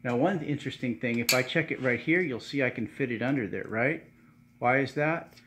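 Halting man in a garage workshop. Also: mid-range voice, noisy background. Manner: halting, many fillers and restarts. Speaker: channel host restoring cars. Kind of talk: casual workshop how-to talk. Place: home garage workshop, indoors.

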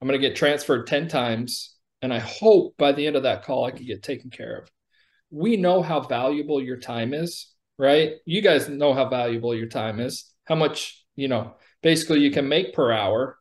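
On a video call from an indoor room, a middle-aged American executive is interviewed about his product. He walks through it step by step in a conversational pitch at a moderate pace, often checking in with a "right?".

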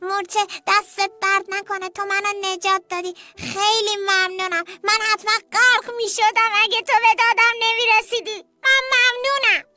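A woman voicing a tiny, grateful ant in a children's story, with a squeaky, childlike voice. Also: fairly even intonation, few pauses, over music.

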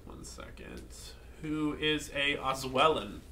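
A man's voice: fairly high pitch, slow, sharp tone, a little hiss or hum. A man narrating a tabletop game as game master, casual and rambling.

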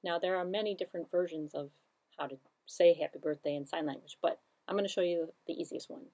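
A middle-aged woman hosting story time for young children, with a bright, exaggerated kids' host delivery. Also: fairly low pitch, quick pace, dry recording. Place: indoors at a table before a green screen.

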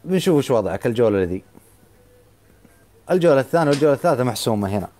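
A man's voice: mid-range voice, sing-song, racing, mellow, faint music behind. A man, a live streamer taunting his rival and urging his viewers on in a boisterous stream battle.

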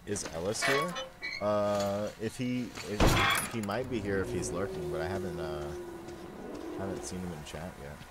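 A man's voice: sits low, fairly even intonation, unhurried, loud music behind the voice. A young man streaming a video game, chatting casually with slang and swearing in a laid-back way. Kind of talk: casual gameplay commentary to chat. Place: indoor room, webcam gameplay stream. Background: video game sounds.

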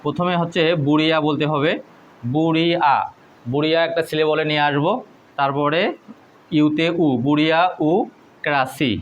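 A man teaching English spelling tricks, spelling words out letter by letter in a slow, deliberate way. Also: fairly high pitch, level tone, muffled recording, slight background noise. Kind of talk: spelling lesson.

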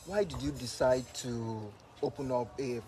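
A man's voice: mid-range voice, warm tone. Polite Nigerian male interviewer. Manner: polite, measured questions with fillers.

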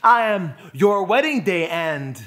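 Very animated, this man's high, bright voice carries a spoken word monologue. Each line lands with deliberate emphasis and dramatic pauses, while his pitch ranges broadly throughout.

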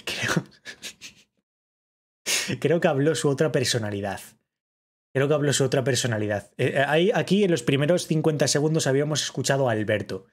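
A man reacting to a livestream clip in casual commentary, excitable and repetitive, often bursting into mock-awed shouts. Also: mid-range voice, brisk, pauses often. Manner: excitable, shouts in mock awe, repeats himself.

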